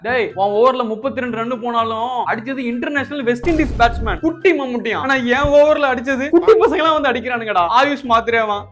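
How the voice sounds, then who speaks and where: A man's voice: extremely high pitch, fast talker, hardly any pauses, a bit bright. A man voicing a comic cricket troll skit in a whiny, mock-dramatic way. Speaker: troll video voice-over artist.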